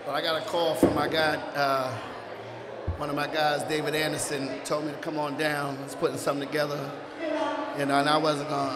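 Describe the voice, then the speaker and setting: A man from New York, a guest at a live brunch event, telling his stories in a relaxed, animated way. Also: on the high side, background noise. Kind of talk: casual interview storytelling.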